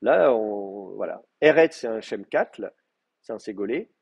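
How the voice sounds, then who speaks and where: Husky man teaching a class. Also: lowish voice, animated, measured pace, a little mellow. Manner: explains patiently, many fillers, checks with students. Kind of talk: live class lecture.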